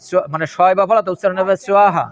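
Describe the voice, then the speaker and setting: High-voiced man giving a devotional lecture. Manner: chants mantras slowly, then explains pronunciation with questions to listeners. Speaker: religious lecturer.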